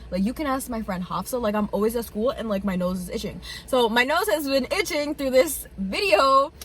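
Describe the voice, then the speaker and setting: A woman's voice: a little high, animated, fairly bright tone, slight background noise. A woman in her twenties telling a long story in casual chat, full of "like" fillers and swearing. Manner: fast chatty storytelling, many "like" fillers, swears. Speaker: co-host.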